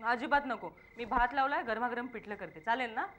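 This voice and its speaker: A woman's voice: a little high, brisk, muffled recording, background noise, lightly acted. An actress playing a chatty, emotional wife who nags and argues with her husband, in a TV serial. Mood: arguing. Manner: nagging and playful, turns tearful. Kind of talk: TV serial acting.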